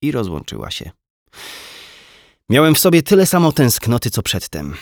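A man's voice: mid-range voice, wildly swooping pitch, normal speed, dry recording, studio quality. A man narrating an audiobook in the first person, reflective and brooding, with a self-mocking edge.

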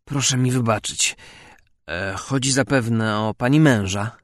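A man voicing a self-assured, charming gentleman seducer, in a lower, soft, amused tone. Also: unhurried, dry recording, studio quality, lightly acted.

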